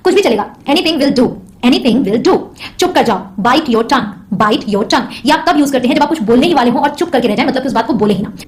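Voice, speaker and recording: High-voiced woman teacher, drilling phrases slowly and explaining them briskly. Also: animated. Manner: repeats each English phrase slowly, explains quickly in Hindi. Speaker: English teacher. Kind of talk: bilingual language lesson.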